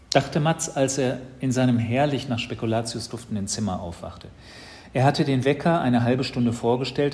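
A man reading a children's Christmas story aloud as narrator, in a lively storytelling manner. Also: mid-range voice.

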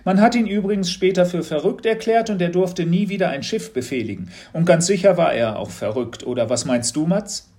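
A man's voice: high voice, animated, a little fast, dark tone, pitched above the performer's own voice. A man reading a story aloud, voicing a mysterious male teacher who asks leading questions in a raised voice. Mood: probing. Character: mysterious probing male teacher, knowing and sly. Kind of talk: audiobook storytelling.

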